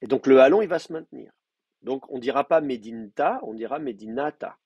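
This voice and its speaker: A man lecturing a class, explaining grammar step by step and slowly repeating word forms, with many hesitations. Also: mid-range voice, a little mellow, breathy edge, no echo, lo-fi sound. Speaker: teacher. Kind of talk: university lecture.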